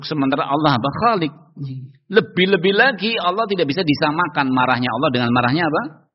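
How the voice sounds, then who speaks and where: A man's voice: fairly high pitch, husky. A man giving a religious study lecture as a preacher, often asking his listeners whether they understand and posing rhetorical questions. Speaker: Islamic preacher. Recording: dull sound in long-reverb hall.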